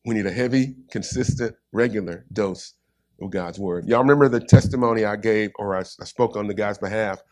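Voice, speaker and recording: A man's voice: fairly low pitch, fairly quick. A man preaching a sermon, repeating his points and calling out to the congregation.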